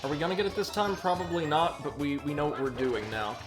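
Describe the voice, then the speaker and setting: Quick-paced and expressive, with a voice on the high side, an American man streams a video game live and rambles through casual commentary. He reads chat aloud and makes self-deprecating puns, with video game music in the background.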